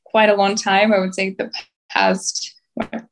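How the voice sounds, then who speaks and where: A woman's voice: medium pitch, level tone. Thoughtful young woman from Ukraine. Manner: thoughtful, halting with fillers. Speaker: podcast guest. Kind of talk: conversational interview.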